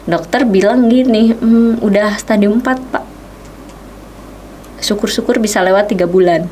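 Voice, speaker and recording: A woman, a guest on a podcast, telling a personal testimony in a lively way and acting out what people said. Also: medium pitch, a little slow, slight background noise. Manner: animated storytelling, acts out quoted speech. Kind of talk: casual podcast interview.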